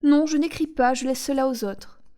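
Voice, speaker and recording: A woman's voice: sits high, moderate pace, dark tone, close to an everyday voice. A woman reading the lines of a scornful, haughty older woman fashion designer in an audiobook. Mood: disdainful. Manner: disdainful, cold.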